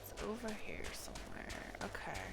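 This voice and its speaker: A woman live streams a game over music, speaking at a moderate pace. She's chatty, talking casually and murmuring to herself as she plays.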